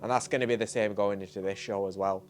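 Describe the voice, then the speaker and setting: A young man vlogging in a relaxed, chatty way, filling his sentences with ums and restarts. His voice sits fairly low. Music plays clearly behind him. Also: fast talker. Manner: laid-back, chatty, many fillers and restarts. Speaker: bodybuilding vlogger and posing coach. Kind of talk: casual vlog talk.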